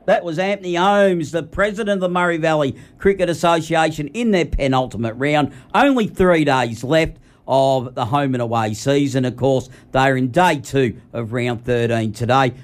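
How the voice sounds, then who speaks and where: Higher-pitched Australian male radio host. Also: normal speed, hardly any pauses. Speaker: radio sports show host. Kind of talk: casual sports interview.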